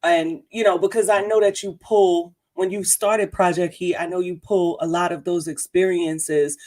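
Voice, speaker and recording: This woman hosts a podcast, interviewing a guest casually in a low, darkish voice with fairly even intonation and a moderate pace. Her manner is upbeat and talkative, with easy laughter.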